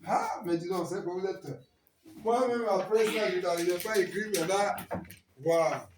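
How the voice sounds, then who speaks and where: A man teaching a Hebrew class, quizzing students on words and gently correcting them. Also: high-pitched, normal speed, reverberant, background noise. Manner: questioning and correcting students, encouraging. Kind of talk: classroom lesson.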